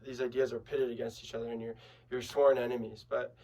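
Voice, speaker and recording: A man interviewing a guest on a podcast, asking tentative, halting questions. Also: medium pitch, little pitch movement, warm tone. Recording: distant mic.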